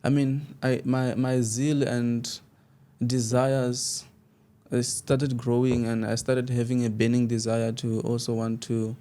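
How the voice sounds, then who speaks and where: A young South African man from Limpopo, a Xitsonga speaker, is a guest on a casual interview, talking about founding student media. His mid-range voice is flat, slow, and dark-toned, and he rambles, restarting often and laughing frequently.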